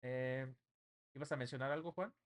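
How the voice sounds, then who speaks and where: A man's voice: medium pitch, steady tone, moderate pace. A young man explains a topic in a live online workshop, often ending his points with a tag question. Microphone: computer mic on a live stream.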